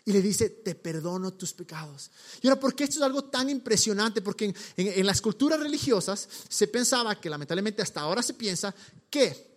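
High-pitched guy preaching, super slangy, acts out the people in the story. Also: expressive, quick pace. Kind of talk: casual sermon.

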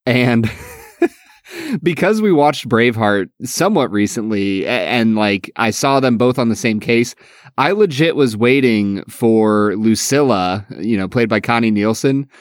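A man's voice: mid-range voice, animated, unhurried, no echo, studio quality. A young man co-hosting a podcast, chatting casually in a bro-ish, slangy, joking way. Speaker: podcast co-host. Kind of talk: casual chat.

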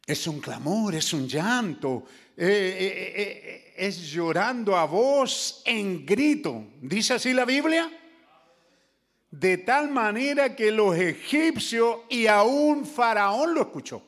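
A man's voice: sits high, animated, slow pace, fairly bright tone, long reverb tail. A man preaching a dramatic sermon, calling out to the congregation in the pews. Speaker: pastor. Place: church.

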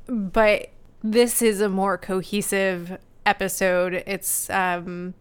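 A woman with a New Jersey accent co-hosting a podcast in casual chat, measured and quick to laugh. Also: mid-range voice, little pitch movement, smooth. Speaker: podcast co-host.

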